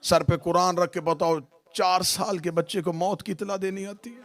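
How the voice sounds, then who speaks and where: A man delivering a mourning sermon, narrating with a wailing lament that rises to shouting. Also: high-pitched, fairly even intonation, moderate pace. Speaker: Shia majlis orator.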